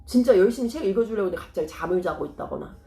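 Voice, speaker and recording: A woman's voice: medium pitch, lively intonation, racing, mellow, roomy sound. A middle-aged woman explaining parenting in casual, persuasive talk, often asking rhetorical questions.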